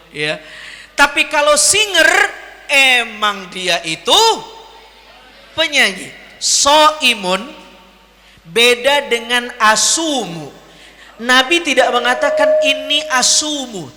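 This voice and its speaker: High, bright-voiced jokey male preacher. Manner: jokey and teasing, quizzing the crowd. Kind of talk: lively Ramadan sermon to an audience. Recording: long hall reverb.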